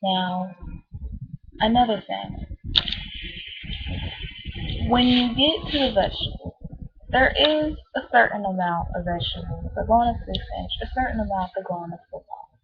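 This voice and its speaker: A woman's voice: medium pitch, normal speed, long pauses, a little hiss or hum. A woman in a casual spoken rant as a shop worker, exasperated and emphatic, sometimes mimicking customers. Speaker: sandwich shop worker venting about customers. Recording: tinny, phone-like narrow band.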